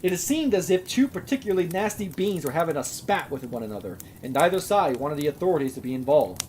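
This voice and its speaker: A young woman reads a story aloud for comedy and keeps breaking in with sarcastic, swearing commentary. Her voice sits a little low. Her asides are mocking and exasperated. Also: very animated, fast, a little mellow, slight background noise. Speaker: host reading a story aloud. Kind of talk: comedic live reading with commentary.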